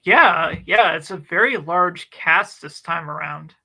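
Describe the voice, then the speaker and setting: Male co-host, casual book chat, bright edge, animated filler-heavy delivery. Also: a little high, slow, vocal fry, rough recording. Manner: animated, chatty retelling with many fillers. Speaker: book club podcast co-host.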